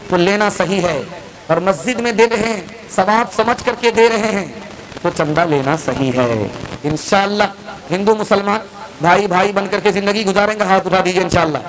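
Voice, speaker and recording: A man's voice: sits high, noisy background. A man preaching a sermon at a mosque gathering, fervent and repetitive, calling the crowd to raise hands. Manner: fervent, repeats lines, sings verses slowly.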